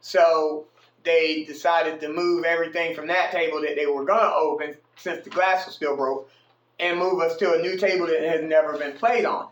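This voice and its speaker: A man telling a casual story about his own night out, animated and slangy, swearing freely. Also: fairly high pitch, moderate pace. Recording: echoey room.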